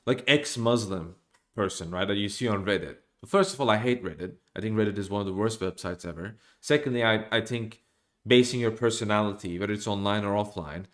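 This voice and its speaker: A young Norwegian with a lowish voice streams an opinionated rant from a small room at home, aimed at his desk webcam. He gestures animatedly and keeps restarting his sentences.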